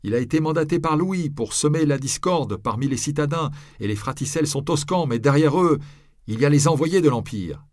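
Agitated townsfolk in a crowd, put on by a male reader shout pleas and insults in a high, strained register. The lines are loud and excited. The recording stays close and dry. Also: brisk, no echo, close to an everyday voice. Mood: arguing. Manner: shouting, pleading and jeering. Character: jeering crowd of townsfolk, mixed shouting onlookers.

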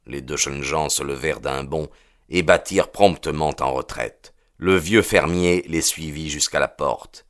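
A man reading a novel aloud as an audiobook narrator, in a measured, expressive way. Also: a bass voice, no echo, clean studio sound. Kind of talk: scripted narration.

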